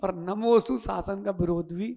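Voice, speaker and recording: A man with a high voice delivers a sermon in a hall that rings with long reverb. He tells folksy stories in a lively way, acting out each character as he goes. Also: moderate pace, vocal fry, a little hiss or hum. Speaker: Jain monk giving a discourse. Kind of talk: sermon with storytelling.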